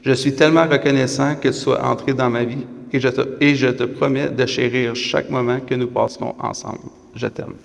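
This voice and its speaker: A man's voice: medium pitch, fairly even intonation, a little fast, gravelly, hardly any pauses. A man speaking his wedding vows as the groom. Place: wedding ceremony. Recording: reverberant hall.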